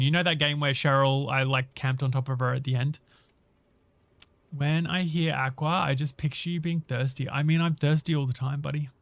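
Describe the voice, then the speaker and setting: A man with a slightly high voice talks through his thoughts on a gaming livestream. He addresses viewers casually and conversationally as host. The sound is close and dry, with little room on it. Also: a bit bright, no room sound. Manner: conversational, thinking aloud while addressing viewers. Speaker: live streamer and host.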